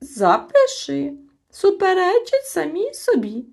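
A woman voicing an excitable old male rat-like creature from a storybook, shrill, loud and sentimental. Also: normal speed, vocal fry, full character voice. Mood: indignant.

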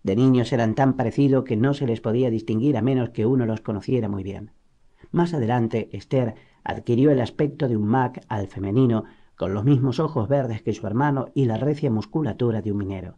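Male narrator, mellow dark tone, mid pitch, measured audiobook reading. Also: dull audio. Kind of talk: scripted narration.

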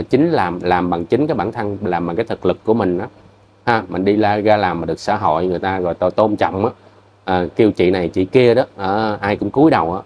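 A man with a Southern Vietnamese accent delivers a vlog rant in a low, deep voice. He talks quickly, scolds bluntly and circles back over the same points. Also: a little mellow. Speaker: vlogger. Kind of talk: heated commentary rant to viewers.

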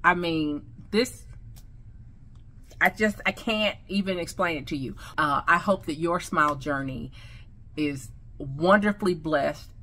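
A woman with a slight lisp, speaking with new veneers in an excited, gushing casual vlog to her viewers. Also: sits low, measured pace, a little hiss or hum. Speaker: vlogger. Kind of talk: casual product review vlog.

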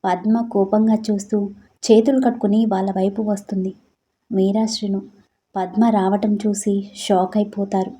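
A woman narrating a scripted love story in a gentle, even storytelling manner. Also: mid-range voice, normal speed, husky.

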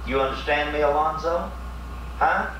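A man's voice: a little high, normal speed. A man speaking as an exorcist in a firm, insistent, repetitive way, picked up by a far camera in a room. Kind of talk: commanding exorcism dialogue. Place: dim indoor room. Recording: very echoey, noisy, distant camera audio with hum.

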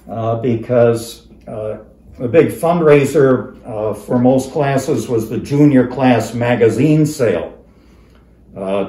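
Mellow older American man talking through a face mask. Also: medium pitch. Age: 70s. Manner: halting, pausing often. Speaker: retired history teacher. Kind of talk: informal recorded talk to students, reminiscing. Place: dining room of a historic house. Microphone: camera across a table. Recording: roomy indoor echo.

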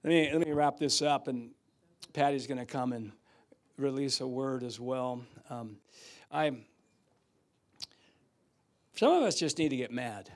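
An older man preaching a sermon in a church, telling stories and swinging from loud outbursts to hushed asides. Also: mid-range voice, lively intonation, a little slow, long pauses. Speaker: guest preacher. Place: church sanctuary.

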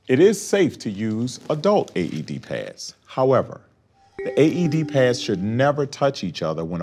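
Man, fairly low voice, lively intonation, scripted lesson narration, measured. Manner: measured, explanatory. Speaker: instructional narrator.

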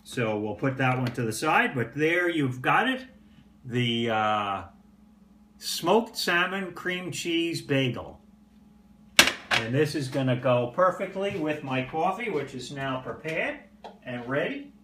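A man's voice: medium pitch, slow pace. Older man chatting in an echoey kitchen. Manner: relaxed, chatty, frequent "uh" fillers. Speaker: pipe-smoking home cooking vlogger. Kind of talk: casual home cooking demonstration. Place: home kitchen, indoors. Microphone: phone or camera on the table. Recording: roomy kitchen echo, faint background hum.

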